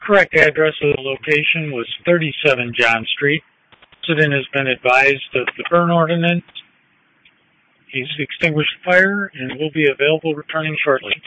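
Bright-voiced man, urgent firefighter radio. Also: fairly high pitch, moderate pace, dry recording. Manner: clipped, procedural. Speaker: firefighter on engine crew radio. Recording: muffled two-way radio transmission.

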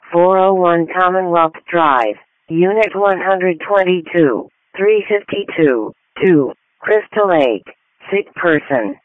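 Over a thin, phone-like radio channel, a man announces emergency dispatches. His voice is high for a man and slow. The delivery is measured, formulaic and procedural. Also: no room sound.

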